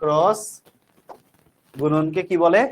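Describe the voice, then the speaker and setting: A man teaching an online physics class speaks directly to his students, repeating each definition and warmly checking whether they follow. His voice is on the high side and he takes his time.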